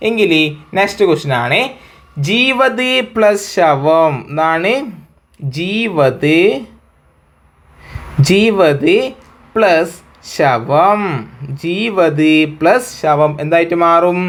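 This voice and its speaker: Male tutor, Malayali accent, higher-pitched, drills answers by slow repetition. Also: fairly bright tone. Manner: drills words by slow repetition, keeps asking "okay?". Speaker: exam coaching teacher. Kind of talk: exam prep lesson, repeating answers.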